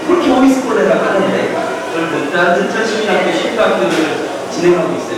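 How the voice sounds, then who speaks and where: High-voiced man hosting in a noisy, echoey hall. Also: far from the mic. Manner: halting, conversational. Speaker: event host, community centre director. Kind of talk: informal live introduction. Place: event hall.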